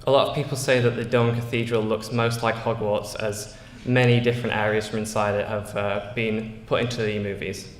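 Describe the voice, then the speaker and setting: A teenage boy from England with a Yorkshire accent gives an earnest, prepared school speech, with small slips and fillers along the way. His voice is fairly low and level, and he talks fairly quickly with hardly any pauses. The recording is echoey, like a hall with long reverb.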